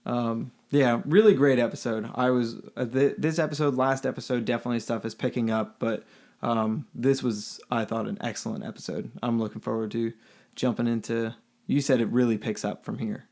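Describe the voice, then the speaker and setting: A man's voice: mid-range voice, fairly even intonation, fairly quick, a little mellow. A man co-hosting a podcast in casual chat, laughing often and hesitant, with frequent fillers and restarts. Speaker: podcast co-host.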